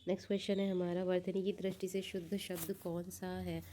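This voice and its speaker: A woman's voice: lowish voice, level tone, brisk, dark tone, slight background noise. A woman teaching exam prep, going through test answers one by one, repeating each answer and thinking aloud with fillers.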